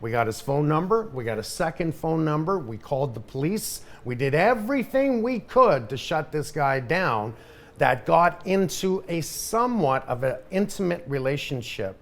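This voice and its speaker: A middle-aged man hosting a podcast, telling a story in casual chat with animated, emphatic delivery and lots of repetition. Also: on the high side, normal speed. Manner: animated, emphatic, repeats himself. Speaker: podcast host.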